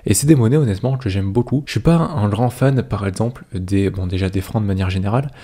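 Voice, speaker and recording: A man's voice: lowish voice, fast, mellow. A man, casually commenting on a coin collection, hesitant and thinking aloud with many fillers. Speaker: coin collecting video host.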